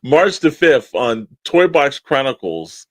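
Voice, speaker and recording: Very animated yet slow-speaking, a medium-pitched male podcast co-host rambles enthusiastically and informally while plugging shows. It's casual promotional podcast chat, and the recording is dry.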